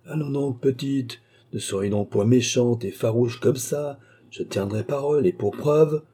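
A man's voice: medium pitch, unhurried, dark tone, slightly rough, voice pushed up. A man voicing an old, lecherous male office chief in a storybook, jovial and patronizing. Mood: mocking.

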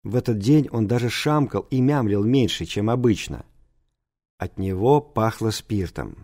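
A man reading a novel aloud as an audiobook narrator, in an even storytelling delivery. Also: lowish voice, measured pace. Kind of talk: scripted narration.

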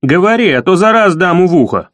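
A man voicing a hoarse, mocking young village bully with Ukrainian-mixed speech. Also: high voice, sing-song, fast, fairly bright tone, no room sound. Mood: menacing. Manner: mocking, taunting village dialect.

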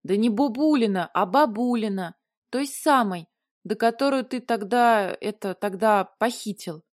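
A flustered young heroine chatters in a high, squeaky, whiny voice, put on by a woman reading the audiobook. The voice is close and dry. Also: measured pace, no echo, lightly acted. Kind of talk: audiobook character voice.

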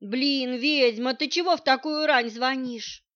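Brief: woman doing a grumbling, businesslike young hacker man for an audiobook, higher voice, dull lo-fi sound. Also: a little slow. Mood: groggy. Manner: grumpy, irritable, businesslike. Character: sleepy, grumbling young male hacker friend. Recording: muffled lo-fi audio.

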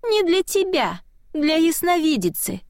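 Audiobook: small mocking childlike spirit, very high, slow and drawn out. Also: female voice, sing-song, darkish tone, no room sound, studio quality, exaggerated voice. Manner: mocking, giggling. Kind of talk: audiobook reading.

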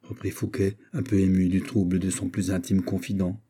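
Audiobook narrator, male; dark, husky, measured. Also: low voice, level tone. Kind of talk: scripted narration of a classic novel.

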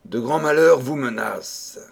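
A man's voice: medium pitch, a little slow, gravelly, slightly rough. A man reading a fairy tale, voicing a sinister scheming male courtier with a mysterious, clipped manner.

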